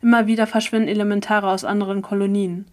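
A patient young man explaining things in a plain, matter-of-fact way, read by a woman. His voice sits at an ordinary middle pitch, in an audiobook story reading. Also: level tone, quick pace, close to an everyday voice.

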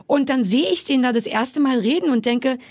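A woman's voice: sits high, normal speed, darkish tone, dry recording, studio quality. A woman from Berlin co-hosting a podcast, chatting casually and bluntly, scolding and swearing now and then. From Berlin, Germany. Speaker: podcast co-host.

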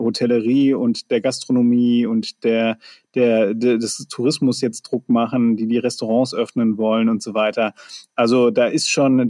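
A man's voice: medium pitch, darkish tone, dry recording. Male reporter, hesitant, dry-humored, very dry close sound. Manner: hesitant, many fillers and restarts, dry joking. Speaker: political journalist. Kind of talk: casual news podcast chat.

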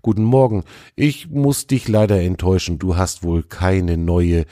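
A man voicing a kindly old wise male moose in a storybook reading, speaking in a friendly, calm way. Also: deep voice, unhurried, no room sound, studio quality.

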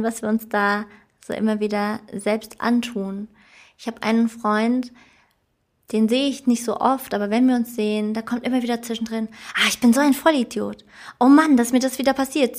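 A woman speaks as a life coach in a motivational self-help monologue. Her voice sits a little high, and she talks earnestly and with emphasis. She laughs at her own slips. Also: darkish tone.

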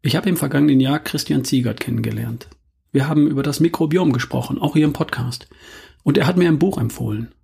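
A middle-aged man speaks in a calm, measured podcast monologue. His voice is husky with a gravelly edge, set at an ordinary middle pitch. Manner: calm, measured explanatory delivery. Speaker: podcast host.

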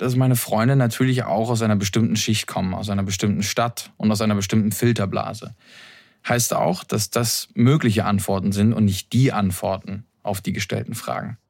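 A man's voice: lowish voice, gravelly, a little mellow, no room sound, clean studio sound. A young man hosting a podcast, giving a thoughtful, earnest introduction recorded in his room. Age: young adult. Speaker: podcast host. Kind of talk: reflective scripted intro monologue. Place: his room, seated in an armchair.

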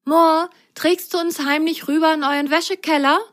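A woman voicing a cheerful, adventurous boy sock in a storybook, talking in a high, coaxing voice. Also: steady tone, moderate pace, fairly bright tone. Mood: eager.

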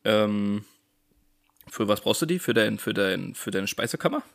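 A man's voice: fairly low pitch, animated, normal speed, vocal fry. A man co-hosting a casual podcast from home, teasing his partner in a playful way. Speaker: podcast co-host. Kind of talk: casual chat. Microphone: home microphone.

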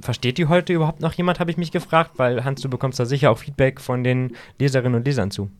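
A man's voice: mid-range voice, fast. A man co-hosting a podcast who asks questions in a curious, light way and laughs easily. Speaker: podcast co-host. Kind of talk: casual podcast chat.

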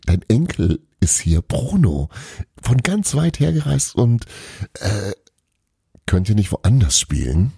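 A man's voice: on the low side, big pitch swings, slow, gravelly, mellow, breathy edge, no echo, studio quality, pitched above the performer's own voice, full character voice. A man voicing Santa's cheerful young female helper, who chatters eagerly.

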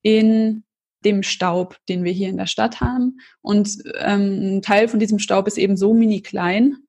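Woman, conversational, earnest explainer, gravelly husky tone. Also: medium pitch, fairly even intonation, a little slow, darkish tone. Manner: earnest, explanatory, with frequent fillers. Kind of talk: casual conversation.

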